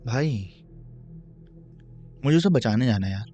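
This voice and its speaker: A man's voice: medium pitch, animated, unhurried, dark tone, faint music behind, close to an everyday voice. A man acting out a dazed, pleading young man. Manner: insistent repeated pleading.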